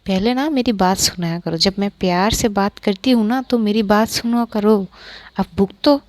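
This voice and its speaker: A woman voicing a young woman lover who pleads insistently and then turns forceful. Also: mid-range voice, normal speed, no room sound, close to an everyday voice.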